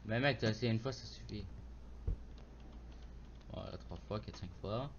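A man's voice: fairly low pitch, measured pace, vocal fry, muffled recording. A man chatting casually as he gives directions during a horror game, offhand and prone to swearing. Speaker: gaming companion giving directions. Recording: noisy home gaming recording.

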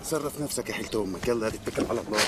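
An actor with an Egyptian accent playing a bullying street informant who curses and threatens. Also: male voice, lowish voice, very fast, heavy background noise, lightly acted. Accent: Egyptian Arabic. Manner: gruff, cursing. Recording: loud street ambience.

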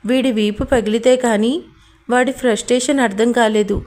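A woman narrating a romantic audio story in a lively, colloquial storytelling manner. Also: fairly high pitch, normal speed.

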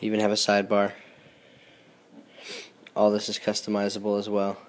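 A man's voice: on the low side, completely flat delivery, moderate pace. A man with a nasal, stuffy voice from being sick, casually hosting a phone walkthrough with frequent ums and restarts. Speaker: host.

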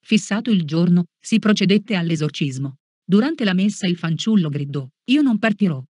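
Solemn, measured catechism reader. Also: mid-range voice, a little mellow, dry recording, studio quality. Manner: slow, measured, solemn reading. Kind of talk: read-aloud catechesis.

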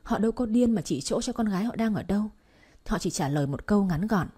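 A woman narrating a bedtime story in a calm, even storytelling manner. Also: medium pitch, fast talker, husky.

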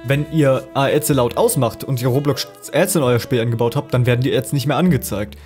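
A man hosting a screen-recorded software tutorial, explaining casually with fillers and speaking straight to his viewers. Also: mid-range voice, fairly quick, faint music behind. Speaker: tutorial host.

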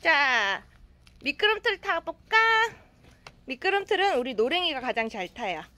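A woman's voice: sits high, sing-song, normal speed, sharp tone. A woman running an animal cafe, talking casually to viewers and calling her cats over in a sing-song, coaxing voice outdoors in her yard. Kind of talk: casual vlog narration to viewers.

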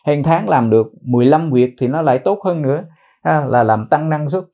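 A man teaching English pronunciation, repeating words slowly and explaining in mixed Vietnamese and English. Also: fairly high pitch, narrow, tinny audio. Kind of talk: pronunciation lesson.

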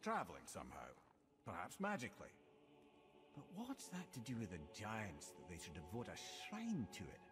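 A wry scholarly companion. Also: male voice, fairly low pitch, huge pitch swings, moderate pace, music in the background. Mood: musing. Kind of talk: game dialogue.

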